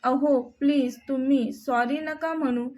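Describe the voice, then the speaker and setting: A woman's voice: high voice, steady tone, unhurried, a little mellow. A woman voicing a timid, pleading young wife.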